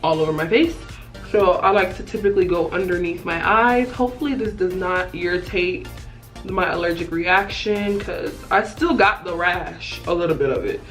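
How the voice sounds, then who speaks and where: A woman's voice: fairly low pitch, normal speed, fairly bright tone. Young woman chatting through a makeup tutorial. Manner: self-deprecating, playful. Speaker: beauty vlogger giving a makeup tutorial. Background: music.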